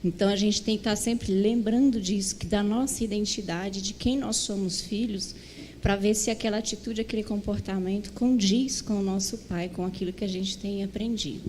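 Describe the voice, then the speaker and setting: A woman speaking calmly and reflectively in a church service. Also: medium pitch, normal speed, slight background noise. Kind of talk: church testimony talk.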